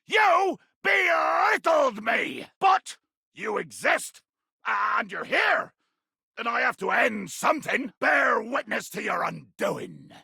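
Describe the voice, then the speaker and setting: A man voicing a bombastic, bloodthirsty pirate captain in a video game, with a raspy, gravelly growl and grandiose, archaic seafaring speech. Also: very high voice, very animated, slow, bright, forceful tone, no echo, shouting, studio quality, exaggerated voice. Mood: menacing, bombastic. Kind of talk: theatrical video game character acting.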